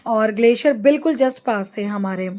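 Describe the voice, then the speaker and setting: A middle-aged woman narrating a family travel vlog in a chatty, rambling way, pausing to find words. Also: fairly high pitch, a little mellow. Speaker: travel vlogger.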